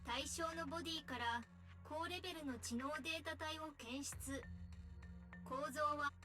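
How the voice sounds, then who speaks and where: A woman voicing a small, old, malfunctioning male combat robot whose voice glitches as it reads out warnings and error messages in halting machine tones. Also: high voice, over music. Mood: glitching.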